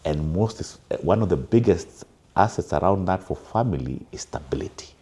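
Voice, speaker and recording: A man's voice: deep voice, animated, normal speed, mellow. A man, a guest in a casual panel chat, telling reflective stories with fillers.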